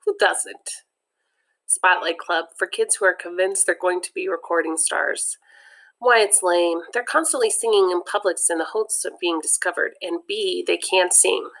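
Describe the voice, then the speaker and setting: Reading a children's comic aloud at normal speed, a woman with a lowish, fairly bright voice narrates. She's chatty, stopping now and then between passages to throw in her own comments.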